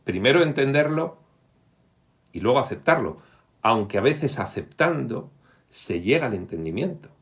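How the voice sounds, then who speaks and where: A man giving a reflective explanatory talk on spiritual teachings, pausing often with fillers and reading quoted passages in a raised, livelier voice. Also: medium pitch, very animated. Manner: reflective, pauses with frequent fillers.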